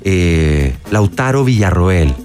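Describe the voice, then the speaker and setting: A middle-aged man with a Chilean accent, an actor as guest, telling anecdotes in an animated, casual way in a radio studio. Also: low voice, slow, soft background music. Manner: anecdotal storyteller, animated retelling.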